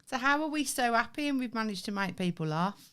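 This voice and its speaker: Brief: woman podcast co-host, lively and animated, playful. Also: fairly high pitch, quick pace, clean tone. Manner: playful, swears freely. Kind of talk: casual chat.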